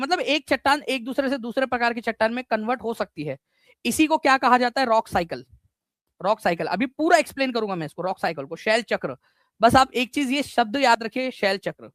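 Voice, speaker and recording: A male teacher giving a live online exam-prep class, energetic and repetitive, quizzing his students and mixing in English words. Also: extremely high pitch, brisk, no room sound.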